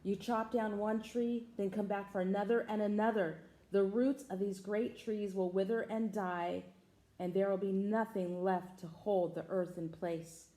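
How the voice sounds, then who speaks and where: A woman's voice: medium pitch, steady tone, measured pace, dark tone, roomy sound, lightly acted. A woman doing chattering storybook monkeys. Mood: knowing. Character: troop of chattering monkeys, knowing.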